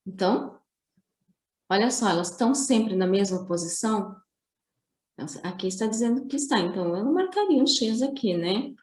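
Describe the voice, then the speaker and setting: A woman's voice: mid-range voice, lively intonation, fairly quick, darkish tone, echoey room. A woman teaching a primary school class in a recorded lesson, explaining step by step with frequent tag questions.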